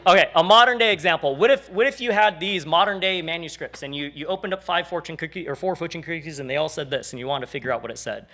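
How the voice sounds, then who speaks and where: Male church teacher, forties, casual and joking, slightly high voice, acts out quoted people. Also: fast, few pauses, pushed and bright.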